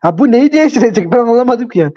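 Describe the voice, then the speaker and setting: Muffled, lo-fi call audio carries a man taking part in a live debate. His voice is relaxed and dark in tone. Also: extremely high pitch, very fast. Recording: dull, lo-fi online call audio.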